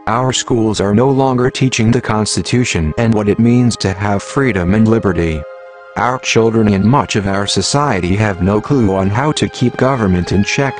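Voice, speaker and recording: Disguised computer voice, male, lowish pitch, mechanical even delivery, scripted manifesto, soft music underneath. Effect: disguised low computer-generated voice. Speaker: anonymous announcer.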